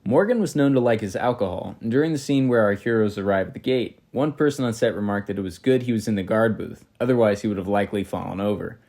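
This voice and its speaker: Low-voiced man narrating a film review. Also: a little mellow. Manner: measured, analytical delivery.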